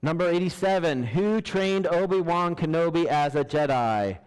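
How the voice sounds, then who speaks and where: A man hosting a church trivia night, reading questions slowly, counting down and laughing at himself. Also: on the high side, animated, clean tone. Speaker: trivia host. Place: church hall. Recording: large hall with long reverb.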